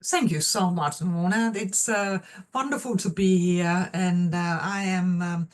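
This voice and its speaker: A professor, a woman whose first language is Danish and who speaks with a Danish accent, presents her research in a seminar talk over a video call. Her voice is lowish, and she speaks hesitantly with many pauses and fillers.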